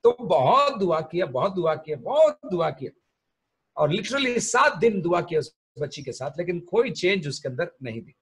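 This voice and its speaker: Male pastor, high husky voice, teaching sermon with stories. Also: very animated, normal speed. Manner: mixes English terms into teaching, tells stories. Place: church.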